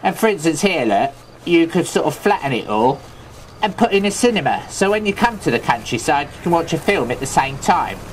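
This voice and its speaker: A man with a London Cockney accent plays a loveable, daft, thieving Cockney in comedic gameplay commentary, rambling through chatty, absurd deadpan asides in a cheeky mood. His voice is on the high side and a little fast, with a bit of hiss or hum in the audio.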